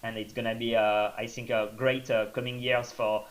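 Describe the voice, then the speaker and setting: French-accented male guest, halting delivery full of fillers, middle pitch. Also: level tone, low-quality recording. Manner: hesitant, many filler pauses. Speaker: guest trail runner. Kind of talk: casual podcast interview.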